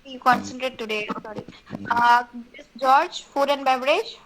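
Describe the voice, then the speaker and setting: Woman teacher, online class, fairly high voice, encouraging, repeats prompts. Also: moderate pace, a bit bright, poor audio. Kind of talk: online class drilling students.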